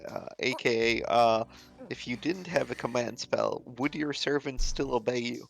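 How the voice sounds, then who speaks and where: A man co-hosting a casual game playthrough, patiently explaining its lore with plenty of hesitations and dry humor. His voice is gravelly, and faint game music plays behind him. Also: mid-range voice, moderate pace. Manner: explains at length with many uhs and dry humor.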